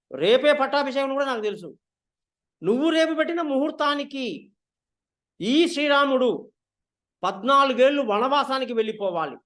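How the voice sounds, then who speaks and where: A man voicing an angry, scheming queen who shouts her demands in a retold epic. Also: very high-pitched. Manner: loud, shouting. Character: furious scheming queen, woman, adult.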